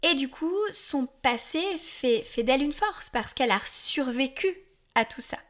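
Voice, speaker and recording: A woman's voice: high-pitched, a little slow, fairly bright tone. A woman in her forties hosting a podcast, talking candidly and casually to her listeners, with frequent asides and self-deprecating apologies. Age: 40s. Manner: chatty, candid, addresses listeners directly. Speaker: podcast host.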